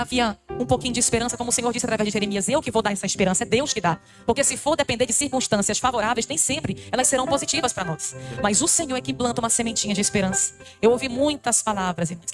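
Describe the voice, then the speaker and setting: A Brazilian woman missionary giving a fervent, emotional testimony to a church congregation, calling them brothers. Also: a little high. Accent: Brazilian Portuguese. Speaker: missionary preacher.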